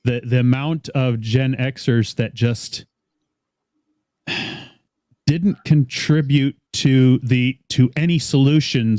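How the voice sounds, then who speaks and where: A reflective man speaks in a warm, mellow voice with a dry, close sound. He talks slowly, weighing his words, and drops the occasional curse. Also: mid-range voice, no echo. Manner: measured, reflective, occasional swearing. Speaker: panel guest. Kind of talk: casual panel chat.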